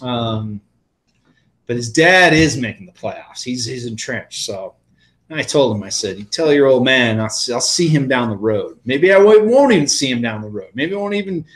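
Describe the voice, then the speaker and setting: A man's voice: mid-range voice, expressive, moderate pace. A man co-hosting a podcast, telling rambling stories in casual banter and swearing freely. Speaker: podcast co-host.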